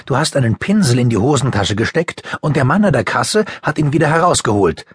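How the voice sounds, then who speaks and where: A man's voice: medium pitch, big pitch swings, slightly rough, no room sound, studio quality, voice pushed up. A man voicing a bold, bossy teenage girl who scolds her younger brother. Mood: scolding. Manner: quick, scolding.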